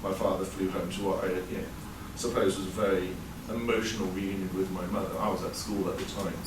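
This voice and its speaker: His voice sits low and level and moves fairly quickly as this Englishman in his thirties tells a live audience a personal story. He is wry and conversational, with frequent fillers. The venue recording sounds roomy, with a far-off mic over a noisy background.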